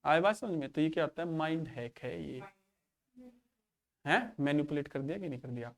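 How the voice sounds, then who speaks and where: A man's voice: fairly high pitch, lively intonation, moderate pace, gravelly. A male maths teacher in his thirties, telling stories casually to his class and acting out the quoted lines. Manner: chatty, acts out quoted dialogue.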